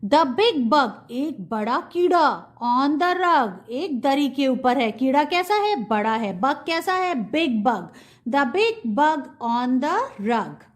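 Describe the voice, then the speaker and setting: A young woman with an Indian English accent gives a kindergarten English lesson. Her high voice moves very slowly as she sounds out short words letter by letter. She switches to Hindi to explain what each word means. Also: expressive. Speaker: kindergarten teacher.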